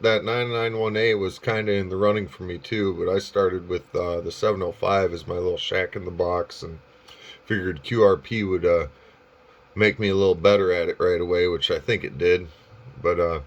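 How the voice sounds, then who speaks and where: A man on a casual ham radio contact, heard over a fading shortwave signal, talking in a relaxed, halting way with many fillers. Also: on the low side, lo-fi sound. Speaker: amateur radio operator.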